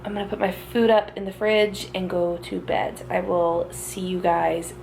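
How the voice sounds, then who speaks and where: Chatty tired woman with a gravelly voice. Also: lowish voice, steady tone, unhurried, a little mellow, a little hiss or hum. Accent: Southern US. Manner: chatty, rambling, with many "like"s. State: tired morning voice. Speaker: flight attendant vlogger. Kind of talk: casual vlog chat. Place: hotel room and airplane galley.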